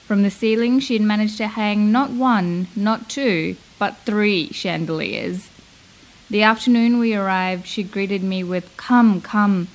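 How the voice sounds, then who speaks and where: A young woman from Malaysia narrating a reflective spoken-word essay, slow and measured, lingering on her phrases. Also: lowish voice, low-quality recording.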